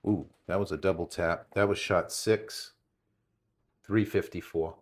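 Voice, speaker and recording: A man's voice: low-pitched, steady tone, measured pace. A man with a New England accent, casually narrating a hands-on gear test, calling out readings with chatty, rambling asides. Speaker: channel host testing gear.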